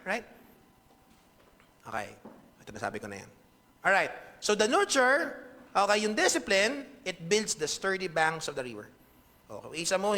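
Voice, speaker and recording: With a slightly high, sharp voice, a pastor speaking with a Filipino accent gives a chatty sermon and keeps checking in with the congregation. Hall reverb echoes around him in the church.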